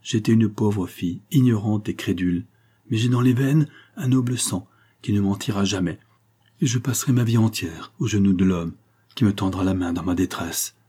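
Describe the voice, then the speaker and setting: A man's voice: lowish voice, moderate pace, dark tone, breathy edge. A man reading the part of a proud young noblewoman in distress, pleading with impassioned dignity in an audiobook. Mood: firm, pleading.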